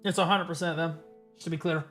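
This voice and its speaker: A man's voice: a little high, fairly even intonation, fast talker, fairly bright tone, soft background music. A man on a livestream headset mic, ranting sarcastically and swearing through casual game commentary. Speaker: livestream gamer.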